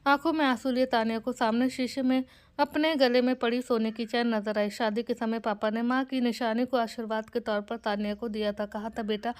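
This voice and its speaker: A woman's voice: on the high side, steady tone, normal speed, clean tone. A woman reading out a scripted family story as narrator, voicing every character's lines in her own voice.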